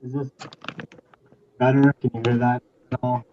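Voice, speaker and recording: A man presenting as finance director on a call, his voice muffled and quiet as if heard through a wall. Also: medium pitch, flat delivery, slight background noise. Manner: halting, checking whether he can be heard. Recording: muffled lo-fi remote call audio.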